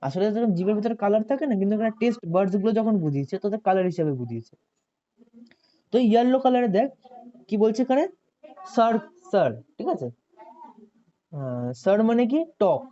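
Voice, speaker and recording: A warm, mid-range voice moves at a brisk, animated clip but pauses often. This tutor runs a chatty online coaching lesson, quizzing students, checking they follow, and repeating "ঠিক আছে". The audio is dull and lo-fi.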